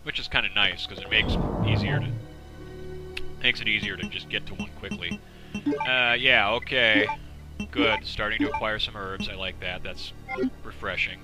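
A man's voice: on the low side, moderate pace, low-quality recording. A man giving casual, profane, rambling commentary over a video game while losing his voice. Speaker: let's play commentator. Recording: game music underneath.

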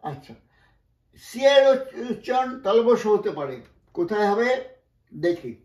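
A man's voice: high voice, sing-song, measured pace, roomy sound. A man from West Bengal teaching English pronunciation, patiently explaining word by word with frequent asides. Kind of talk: spoken classroom lesson.

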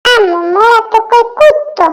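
A cheeky little boy cat from a cartoon, with a very high, squeaky voice and a Barishal accent. He chatters along and keeps asking one question after another. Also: lively intonation, normal speed, slight background noise. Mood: curious. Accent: Barishal dialect of Bengali. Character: playful young boy cat, curious and cheeky. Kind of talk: comic cartoon dub.

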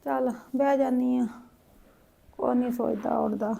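A lonely old grandmother, played by a woman in a village drama, forever sighing and lamenting and muttering to herself. Her voice sits a little high for a woman of her years. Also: steady tone, a little slow, creaky, dark tone, lo-fi sound, exaggerated voice. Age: older. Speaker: grandmother in a short film.

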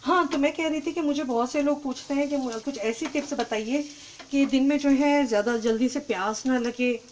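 A woman's voice: high voice, moderate pace, slight background noise, low-quality recording. A woman hosting a live cooking demonstration, chatting with viewers and greeting them by name as she cooks in a kitchen. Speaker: cooking host. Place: home kitchen.

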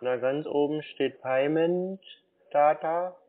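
Over a telephone call with narrow, tinny audio, a man with a voice on the high side speaks slowly. He is a scambaiter playing a naive, confused, literal-minded customer in a slow, bumbling phone conversation.

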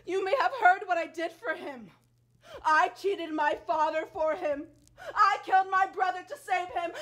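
Young woman playing a proud grieving foreign princess, bitter and tearful, drawn out slow, stage tragedy. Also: extremely high pitch, bright, forceful tone, heavily acted. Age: young adult. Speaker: student stage actor.

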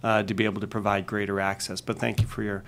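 A man with a Boston accent, a commissioner questioning a witness at a public hearing, halting and full of fillers. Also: on the low side, flat delivery, gravelly, a bit bright. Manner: halting, with many fillers and restarts.

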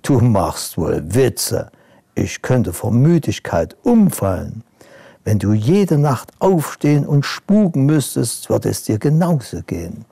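A man's voice: medium pitch, big pitch swings, takes it slowly, gravelly, warm tone, husky, dry recording, full character voice. A man reading a bedtime story, voicing a pale, exhausted ghost who complains about its duties. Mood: scoffing. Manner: whiny, yawning.

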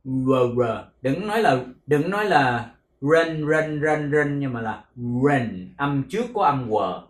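A man teaching English pronunciation, repeating words slowly and carefully, syllable by syllable, then explaining their meaning. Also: medium pitch, expressive, roomy sound. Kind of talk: pronunciation lesson with repeated drills.

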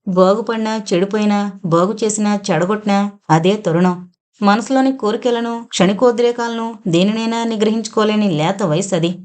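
Woman, audio novel narrator, steady measured storytelling, mid-range pitch. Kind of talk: scripted first-person narration.

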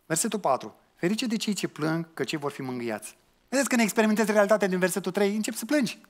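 A man's voice: high voice, animated. A man preaching a sermon, earnestly putting questions to his listeners and mixing in colloquial asides. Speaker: pastor.

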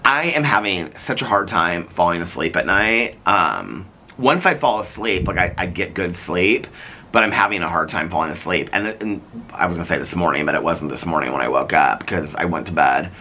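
A man in his fifties with a Midwestern American accent talks casually to camera on an outdoor porch, rambling and chatty, full of fillers and restarts. His low voice is expressive and sharp-toned at a normal pace, crackly because he's losing it. He's a vlogger.

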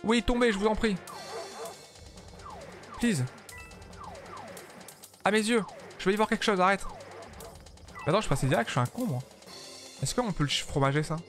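Tired guy streaming a game, kinda high voice, jokes and swears a lot, quiet music behind. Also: animated, brisk, pauses often. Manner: chatty, joking, swears freely, talks to chat. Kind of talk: casual live-stream commentary while playing.

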